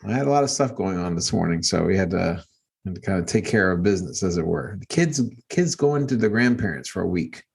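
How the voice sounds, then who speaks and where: Lowish-voiced guy, middle-aged, wry dramatic podcast rants. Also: lively intonation, a little fast, creaky, breathy edge. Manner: wry, dramatic ranting with dry humor. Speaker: podcast host. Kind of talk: casual podcast chat.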